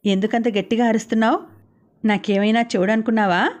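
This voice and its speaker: A woman's voice: on the high side, steady tone, fast talker, lightly acted. A woman reading a teasing young man. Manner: playful, gently teasing. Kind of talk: audiobook character reading.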